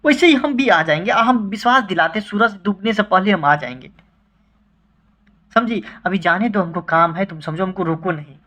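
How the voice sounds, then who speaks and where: A man's voice: high-pitched, lively intonation, normal speed, pushed and bright. A man playing a poet soothing his wife. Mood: reassuring. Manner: coaxing, explaining patiently. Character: adult male poet calmly reassuring his wife.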